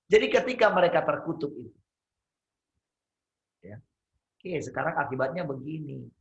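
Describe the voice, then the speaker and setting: A man's voice: a little high, expressive, a little slow, vocal fry, pauses often, a bit bright, dull audio. A man leading an interactive Bible study on a video call, talking conversationally, asking the group questions and often searching for words. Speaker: Bible teacher.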